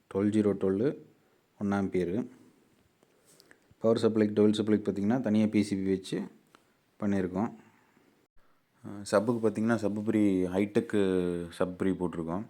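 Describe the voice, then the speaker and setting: Presenting his own video channel, this amplifier builder and repairer speaks with a Tamil Nadu accent and a deep, darkish voice. He explains the product to his viewers informally and in simple terms.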